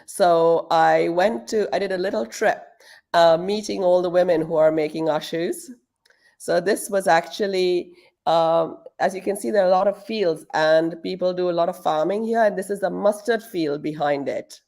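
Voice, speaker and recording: Gravelly low-voiced middle-aged woman from Pakistan. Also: normal speed, a little mellow. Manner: thoughtful, with frequent fillers and restarts. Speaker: guest, shoe brand founder. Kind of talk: casual interview answers. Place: at home.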